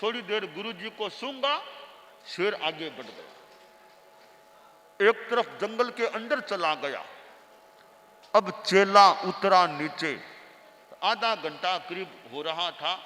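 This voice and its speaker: Slow, high-voiced monk preaching. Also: male voice, bright, forceful tone, in a large hall, rough recording. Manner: repetitive, storytelling. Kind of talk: sermon with story.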